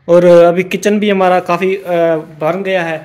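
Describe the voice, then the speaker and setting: A man's voice: high voice, little pitch movement, a little mellow. Chatty man explaining his home building work. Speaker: vlogger. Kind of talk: casual home vlog chat.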